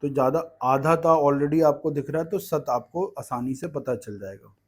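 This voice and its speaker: A man's voice: a little high, moderate pace, darkish tone. A man teaching an exam-prep grammar lesson, explaining patiently and checking in with the class again and again. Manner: explains patiently, asks "ठीक है" often.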